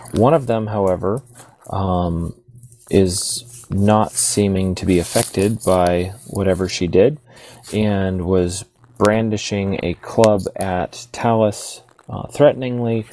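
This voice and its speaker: A man's voice: deep voice, a little mellow, slight background noise, poor audio. A man running a tabletop game, narrating casually with many fillers. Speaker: game master.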